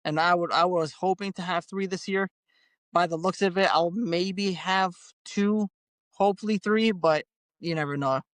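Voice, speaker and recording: A man's voice: high-pitched, normal speed, a bit bright, clear, resonant tone, dry recording. A man being interviewed as a bare knuckle fighter, talking in an easygoing way and laughing often. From Canada. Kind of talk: casual interview.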